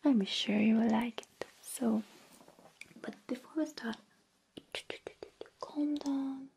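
Gentle and caring, a woman voices a kindly alien abductor for an ASMR roleplay, her breathy whisper slow and coaxing as she speaks close to the listener. The pitch sits fairly high, and there's some background noise.

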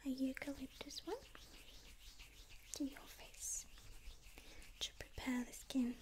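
A woman whispering slowly and softly through an ASMR spa roleplay, with long pauses between her words. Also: high voice, level tone.

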